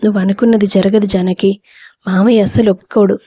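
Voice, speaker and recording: A woman voicing a gruff but gentle-hearted young village man in a storybook reading, speaking bluntly and with quiet resignation. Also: mid-range voice, flat delivery, quick pace, no echo, lightly acted. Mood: plain,subdued.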